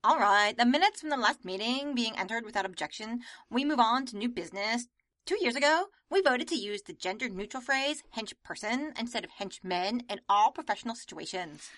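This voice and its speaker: A woman playing a brisk, procedural female organizer of a henchmen's union in a comedic audio drama. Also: a little high, expressive, fairly bright tone, no room sound. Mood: businesslike. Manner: businesslike and procedural.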